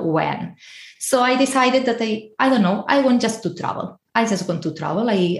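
In an echoey room, a woman in her forties with a Spanish accent talks through her own life story as a podcast guest. She's a travel and life coach from Spain, and her voice is lowish and darkish.

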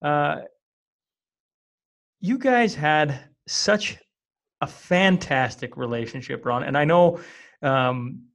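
Brief: male interview host from Western Canada, slightly high voice, relaxed rambling questions. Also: slow pace, gravelly, pauses often. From small-town Western Canada. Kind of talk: casual interview.

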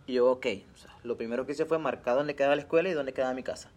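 A man hosts a relaxed podcast conversation and talks very fast. His voice is in a middle range, and he often jumps in to finish his guest's thoughts. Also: medium pitch. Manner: quick, conversational, chimes in to finish the other speaker's thoughts. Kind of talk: casual podcast chat.

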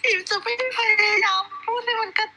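A woman's voice: extremely high pitch, steady tone, a little fast, very noisy. A woman co-hosting a casual chat over a video call, her voice breaking up into a choppy, stuttering glitch. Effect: choppy, stuttering video-call audio. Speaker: co-host.

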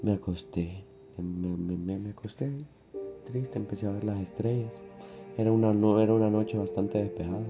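A young man with a Honduran accent telling a personal story in a casual, slangy, animated way. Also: fairly low pitch, normal speed. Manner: animated, slangy, acts out his own crying. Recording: dull lo-fi recording, faint music.

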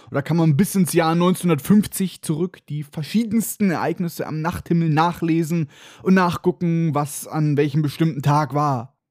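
A man's voice: a little high, normal speed, a little mellow, no room sound, clean studio sound. A man hosting a casual book podcast, recapping chapters with sarcastic, irreverent asides. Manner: sarcastic, irreverent, mock-dramatic. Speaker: podcast host.

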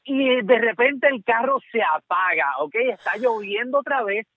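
A Puerto Rican man calling into a show, telling a story in an animated way and repeating "te lo juro" and "¿ok?". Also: very high voice, a little slow, husky. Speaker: caller. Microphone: phone. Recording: tinny dry phone line.

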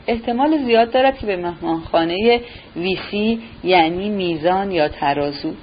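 A woman's voice: medium pitch, a little hiss or hum, close to an everyday voice. A woman reading the lines of a servile, flustered older man who fawns over a prince, in a storybook reading on a dull recording. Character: fawning, fussy older man, habitual liar.

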